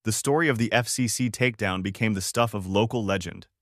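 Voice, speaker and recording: A man with a low voice narrates a first-person story at a measured, even pace. The recording is very dry and close, with no room sound at all. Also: no room sound.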